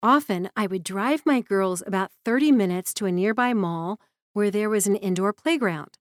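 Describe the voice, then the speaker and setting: A woman's voice: medium pitch, normal speed, dry recording. Woman, memoir narrator, earnest and reflective, dry close sound.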